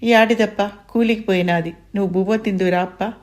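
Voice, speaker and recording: A woman's voice: medium pitch, fairly even intonation, a little fast, a little mellow, voice pushed up, lightly acted. A woman voicing a grieving elderly village mother, speaking with a Rayalaseema accent in pleading, sobbing dialect speech. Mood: weary. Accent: Rayalaseema Telugu. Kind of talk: dramatized story reading.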